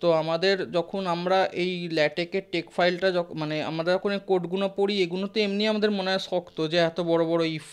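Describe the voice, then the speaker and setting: A teacher gives a live class lecture in a smooth, clear voice at an ordinary middle pitch. The delivery is conversational: frequent check-ins with the listeners, questions put to the class, and English technical words mixed into the speech. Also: steady tone, fast, hardly any pauses. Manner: sprinkles English terms into the talk.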